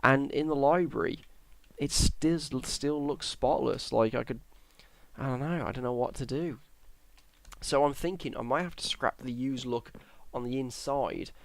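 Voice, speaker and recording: Tired young Englishman, gravelly and dry. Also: medium pitch, unhurried, no echo. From England. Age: young adult. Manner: rambling, hesitant, self-correcting. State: tired, yawning. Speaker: Minecraft YouTuber. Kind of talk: casual gameplay commentary.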